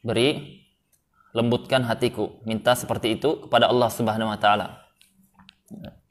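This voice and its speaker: Male preacher, mid-pitched voice, lecturing an audience with frequent "ya" and Arabic quotes. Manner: frequent affirming "ya", quotes Arabic then explains; asks the audience questions. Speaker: Islamic preacher. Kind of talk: religious study lecture.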